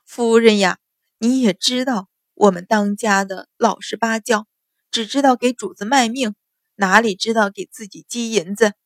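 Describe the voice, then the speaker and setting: Old serving women plead through their tears, as a woman reader puts them on. They sound loud and urgent against a dry, close recording. Their pitch sits near the reader's own voice. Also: moderate pace, no room sound, lightly acted. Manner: tearful, pleading.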